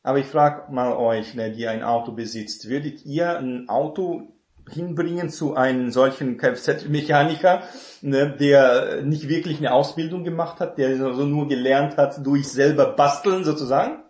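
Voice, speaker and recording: A man preaching a conversational sermon, often checking with the congregation through quick tag questions. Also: medium pitch, darkish tone. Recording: echoey room.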